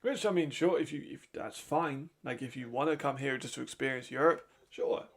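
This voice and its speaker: A man's voice: mid-range voice, normal speed, creaky. A man giving casual, chatty live commentary while watching a football game, laughing often and trailing off mid-thought.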